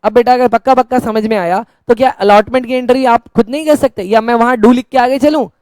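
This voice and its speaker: A man's voice: extremely high pitch, fairly even intonation, fast talker, a little mellow, no echo. A man teaching an accounts lesson in a classroom style, asking questions and answering them himself as if he were the students, with teasing, scolding banter. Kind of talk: classroom-style Hindi lecture.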